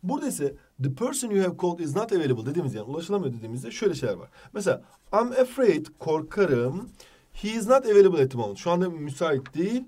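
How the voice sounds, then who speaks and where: A man teaching a jokey exam-prep lesson, with a Turkish accent, reading English phrases slowly. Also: a little high, big pitch swings, dark tone, husky, distant mic.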